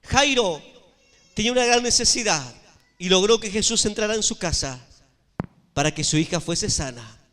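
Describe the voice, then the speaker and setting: Male pastor, high-pitched emphatic preacher, church with long reverb. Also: expressive, moderate pace, long pauses, fairly bright tone. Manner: emphatic preaching with repeated phrases and questions to the congregation. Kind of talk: sermon.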